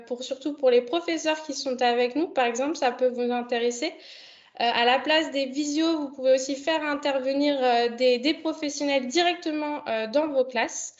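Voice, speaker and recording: A young woman with a high voice hosts a live online session. She stops often on fillers and restarts her sentences. Her voice comes through a dull, lo-fi video call line. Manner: hesitant, many fillers. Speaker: online event host. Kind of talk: hosting a video conference. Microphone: computer mic on a video call.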